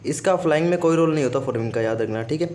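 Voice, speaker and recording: A man's voice: fairly high pitch, racing, a little mellow, a little hiss or hum. A man teaching a biology lesson for exam prep, who keeps repeating "okay" and asks himself questions before answering them.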